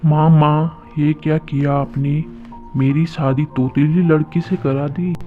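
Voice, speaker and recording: A man's voice: on the high side, level tone, slow. A man voicing an irritable young groom who complains and grows impatient, on a tinny phone-like track with faint music behind. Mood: irritated.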